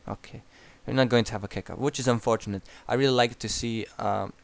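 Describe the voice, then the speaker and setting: A young man with a Croatian accent talks fast in a creaky, medium-pitched voice with a steady tone, coaching a player through a game replay. He's blunt and casually profane, often breaking off to restart.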